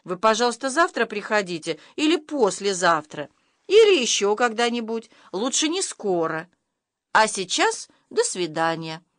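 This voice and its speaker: A woman's voice: medium pitch, very animated, normal speed, no room sound, clean studio sound, close to an everyday voice. A woman voicing a mother who speaks in a prim, formal and dismissive way. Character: coldly polite adult mother.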